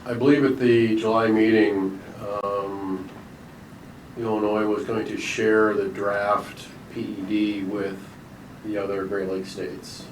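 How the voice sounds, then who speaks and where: A man's voice: fairly low pitch, level tone, slow. A man at a committee meeting, thinking aloud hesitantly as he asks questions. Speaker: committee member. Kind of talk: meeting discussion. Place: meeting room. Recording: echoey room from far off, loud noise.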